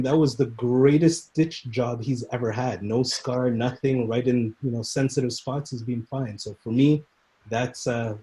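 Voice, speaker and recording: Animated man telling fight stories. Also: medium pitch. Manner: animated storyteller who acts out quoted people and laughs often. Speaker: Muay Thai instructor, podcast guest. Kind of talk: casual storytelling in a podcast interview.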